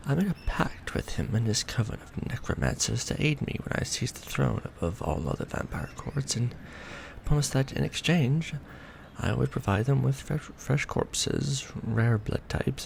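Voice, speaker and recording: In a romantic ASMR roleplay, a man delivers a scripted monologue as a proud, courtly vampire lord, centuries old and doting on his lover. His gravelly, darkish voice sits at medium pitch with lively intonation, and his formal, archaic, theatrical phrasing is measured, with a grave storytelling mood. Slight background noise is present.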